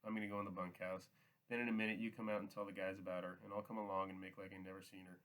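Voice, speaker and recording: A man voicing a weary, guarded male farmhand who speaks slowly and heavily. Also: low-pitched, flat delivery, fairly bright tone. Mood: resigned.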